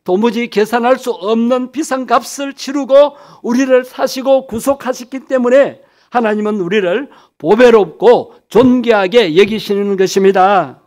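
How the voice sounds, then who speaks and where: Korean pastor guy with a high voice, preaching, asks the church questions then answers them himself. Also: normal speed, few pauses, a little mellow. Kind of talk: sermon.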